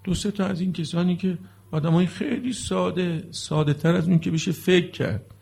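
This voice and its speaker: A middle-aged male preacher delivers a religious sermon with a deeply husky, worn voice. His tone is dark and mellow, his pitch sits somewhat high, and his emotional delivery moves from earnest teaching into sorrowful lament. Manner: emotional, shifting from earnest explanation to mournful lament. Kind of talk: religious sermon to a seated congregation.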